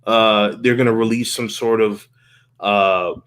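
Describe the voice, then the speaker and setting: A man's voice: lowish voice, steady tone, measured pace, a bit bright. A man hosting a casual podcast chat, talking earnestly, repeating and restarting phrases and swearing freely.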